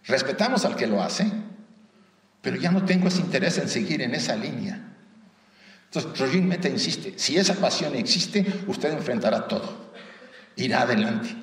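A man with a Mexican accent gives a conversational spiritual lecture to a live audience, often asking them rhetorical questions and adding light humor. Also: mid-range voice. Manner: light humor mixed into the teaching. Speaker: lecturer at a theosophical society. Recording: roomy hall echo, voice from far off.

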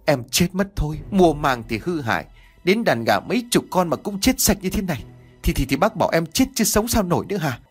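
A man's voice: fairly high pitch, big pitch swings, a little fast, slightly rough, faint music behind, pitched above the performer's own voice. A man voicing a frantic village woman, sobbing and pleading through her tears in an audio story. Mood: wailing.

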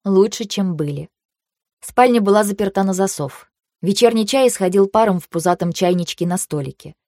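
A woman narrating a fantasy audiobook in the first person, with a measured, even storytelling manner. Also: medium pitch, dry recording, clean studio sound.

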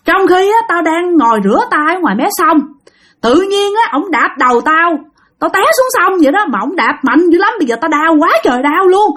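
A woman voicing a furious old grandmother who scolds her husband in a shrill, rapid, accusing voice. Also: expressive, fairly bright tone. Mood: indignant.

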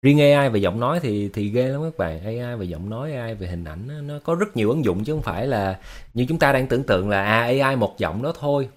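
A man's voice: medium pitch, animated, a little fast. A man hosting a casual livestream, talking to his viewers in an explanatory way, with lots of fillers and repeated words. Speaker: livestream host.

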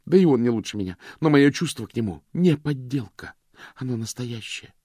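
A man's voice: medium pitch, animated, brisk, mellow, slightly rough, no room sound, voice pushed up. A male reader voicing a desperate young woman who pleads breathlessly in a dry, close recording.

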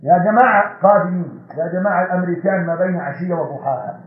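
A man preaching an impassioned sermon with rising, shouted repetitions. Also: high voice, fast talker, echoey room, narrow, tinny audio. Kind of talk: fiery Friday sermon.

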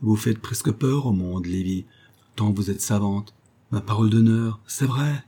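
A man reading an audiobook, voicing a cheerful young soldier of twenty-one who teases his cousin in a breezy, lively way. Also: on the low side, measured pace, breathy edge. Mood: teasing.

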